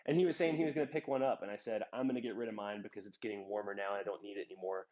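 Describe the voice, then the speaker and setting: A young hiking vlogger in a trail town rambles casually to camera about his gear, relaxed and full of ums. His voice is lowish, slightly stuffed-up, and rapid-fire, recorded lo-fi on a phone clipped to a trekking pole.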